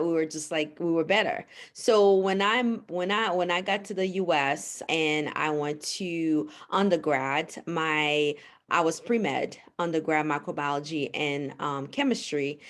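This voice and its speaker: A woman from Haiti, a naturopathic physician, answering interview questions in an earnest, explanatory way. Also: low-pitched. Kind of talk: podcast interview.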